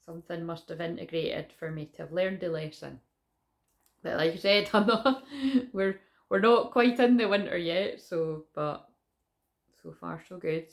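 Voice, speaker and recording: A woman's voice: fairly low pitch, a little slow. A British woman chatting candidly and informally as a psychic reader, with casual swearing. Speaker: psychic tarot reader and online host. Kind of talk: informal spiritual vlog chat.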